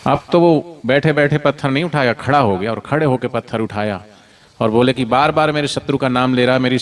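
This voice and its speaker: A man telling a devotional story to children, animated, with frequent call-and-response prompts. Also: mid-range voice. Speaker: spiritual storyteller.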